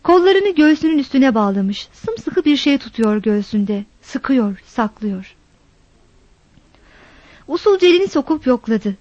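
High-voiced woman narrating a story. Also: sing-song, a little mellow, no room sound. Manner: measured storytelling delivery. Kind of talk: scripted narration. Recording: dull dry recording.

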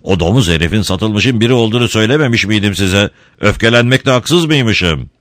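A man's voice: fairly low pitch, lively intonation, fairly quick, a bit bright, no echo, pitched above the performer's own voice. A man voicing a hot-tempered village priest who talks in an indignant, commanding way. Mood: angry.

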